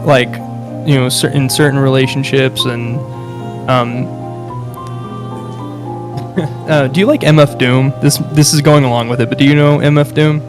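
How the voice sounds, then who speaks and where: A young Midwestern man with a medium-pitched, steady voice talks casually and reflectively at a moderate pace, leaving long pauses. He's hesitant, full of fillers and restarts, and laughs often. Music plays in the background.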